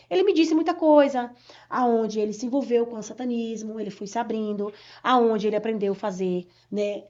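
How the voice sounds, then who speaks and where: A woman from Bahia, Brazil, giving an earnest personal testimony in an interview, talking quickly with many restarts. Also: a little high, dark tone. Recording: dull lo-fi sound.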